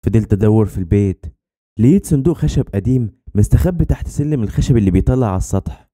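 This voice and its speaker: A man with an Egyptian accent telling a scripted horror story in a brisk, tense way. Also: on the low side, animated, dark tone.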